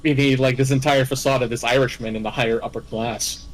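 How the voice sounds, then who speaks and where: A man telling a game story in easygoing casual chat, his voice sitting at an ordinary male pitch. He rambles, restarts his sentences and laughs along the way as he hosts. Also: fairly even intonation, quick pace, poor audio. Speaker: host recapping game villains.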